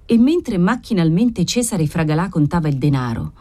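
Low, mellow woman narrating a novel. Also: very animated, moderate pace. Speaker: audiobook narrator.

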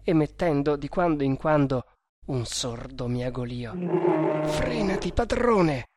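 A man reading an adventure novel aloud as audiobook narrator, in a measured, dramatic manner. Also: mid-range voice, steady tone, very noisy.

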